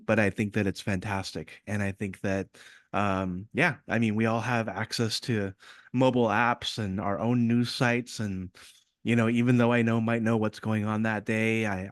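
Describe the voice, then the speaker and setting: A man's voice: on the low side, no echo, clean studio sound. A man speaking conversationally as an interviewer and coach, giving encouraging feedback.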